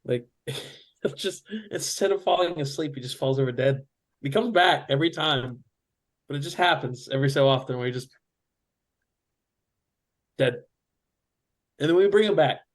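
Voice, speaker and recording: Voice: mid-range voice, normal speed, pauses often. Giggly player bantering at the table. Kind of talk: casual chat.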